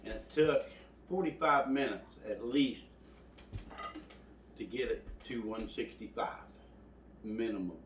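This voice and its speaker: A man's voice: on the low side, recorded from a distance, background noise. A man hosting a home cooking video, folksy and rambling as he talks to his viewers. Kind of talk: casual cooking vlog. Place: home kitchen. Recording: echoey room, voice from off the mic.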